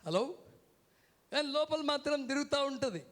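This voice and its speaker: A guest preacher with a very high, animated voice talks at normal speed from a church stage. Again and again he calls "hello" to the congregation, whose members repeat words back to him in a call-and-response sermon.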